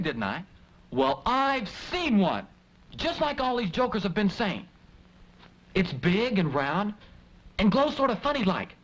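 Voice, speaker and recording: An actor playing an excitable man dreaming of getting rich, pitching his scheme with great excitement. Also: a little hiss or hum, heavily acted, low-quality recording.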